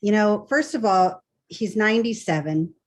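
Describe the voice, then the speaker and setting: A woman's voice: medium pitch, animated, moderate pace. A woman speaking as a hospice nurse, giving reassuring, plain-spoken advice in a conversational way. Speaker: hospice nurse answering volunteers' questions. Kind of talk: conversational advice on a group call.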